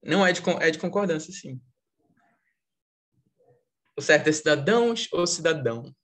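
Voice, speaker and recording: A man's voice: fairly high pitch, expressive, normal speed, fairly bright tone. A young man with a Brazilian Portuguese accent teaches an online class with a slightly raised voice. He walks through each point step by step and keeps checking in with his students. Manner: explains step by step, asks the class questions. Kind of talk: online writing lesson.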